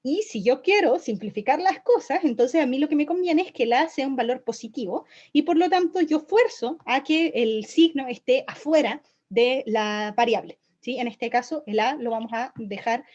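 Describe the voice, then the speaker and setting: Her voice sits high and slightly mellow, moving at normal speed with few pauses, as this young woman teaches a recorded online physics lesson. She explains step by step and checks with her students often, captured in dull, lo-fi lecture audio.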